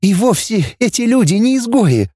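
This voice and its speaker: A man voicing an earnest young woman who is quick to take offense, in a high, pleading, indignant tone. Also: very animated, warm tone, slightly rough, no room sound, studio quality, full character voice. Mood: subdued.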